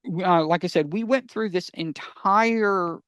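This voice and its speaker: Smooth and a bit bright, this man's high voice moves unhurriedly with no echo. He co-hosts a laid-back podcast, making emphatic explanations and frequently raising questions only to answer them himself.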